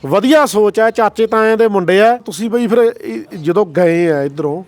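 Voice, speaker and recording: High-voiced man interviewing. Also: normal speed, no echo. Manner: brief agreeing replies, gently probing questions. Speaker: reporter interviewing. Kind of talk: casual street interview.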